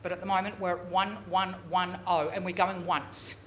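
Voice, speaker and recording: A woman working as a real estate auctioneer, calling bids live with drawn-out repeated figures and chatty coaxing of bidders. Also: fairly low pitch, level tone, dull audio. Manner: drawn-out, repeated bid calls. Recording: noisy live auction room.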